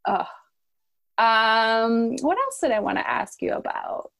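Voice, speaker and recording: A woman's voice: a little high, very animated, slow pace, a bit bright. Chatty, informal woman hosting a podcast. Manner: informal, chatty, self-deprecating. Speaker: podcast host. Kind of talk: casual conversational interview.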